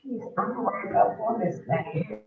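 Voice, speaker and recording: A woman calling into a meeting from a computer, her voice muffled and distant as if through a wall, speaking haltingly and apologizing while she fiddles with settings. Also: medium pitch, gravelly, crowd noise. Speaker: remote meeting participant. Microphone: computer with attached speaker on a call. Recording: muffled echoey call over a speaker.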